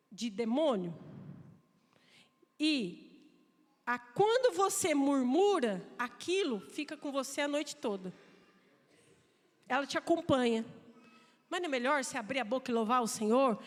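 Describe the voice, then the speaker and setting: A woman preaching a sermon, talking to the congregation in a lively, conversational way and acting out quotes. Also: high voice. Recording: long reverb of a church hall.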